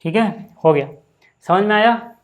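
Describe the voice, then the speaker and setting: A man teaching a maths lesson in a relaxed, chatty way, often saying "okay" and calling his students "brother". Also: sits high, moderate pace, phone-quality sound. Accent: Hindi. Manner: casual, repeats "ठीक है" and "भाई" often. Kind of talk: screen-recorded maths lesson.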